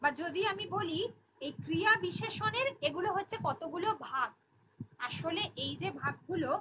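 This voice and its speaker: A woman's voice: extremely high pitch, lively intonation, moderate pace, background noise. A woman teacher explaining grammar in an online class, patiently working through examples.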